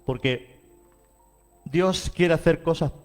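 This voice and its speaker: A middle-aged man with a Spain Spanish accent, preaching a sermon as pastor, fervent, with big swings in pitch and loudness. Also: takes it slowly, soft background music.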